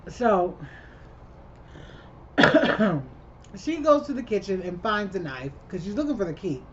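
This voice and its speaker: A woman's voice: mid-range voice, animated, slow. Chatty woman rambling through a movie recap. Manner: chatty, rambling storyteller who chimes in with her own reactions. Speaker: vlogger. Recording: slightly muffled with faint background hum.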